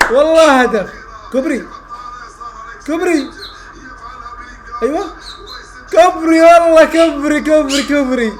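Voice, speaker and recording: High-pitched fast streamer. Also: male voice. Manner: exclaims and repeats phrases, shouts at goals. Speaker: streamer reacting to a football match. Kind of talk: excited live reaction commentary.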